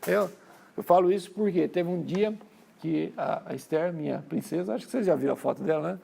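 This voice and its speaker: This man's voice sits on the high side and moves fairly quickly, dark and husky with vocal fry. With a Brazilian Portuguese accent, he preaches at a church conference in a chatty, storytelling way, repeating phrases, calling the crowd brothers, and acting out quotes in his family stories.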